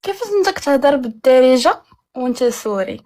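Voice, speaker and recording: A woman's voice: sits high, big pitch swings, quick pace, darkish tone, a little hiss or hum. A woman on a live stream, asking playful, curious questions. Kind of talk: casual chat.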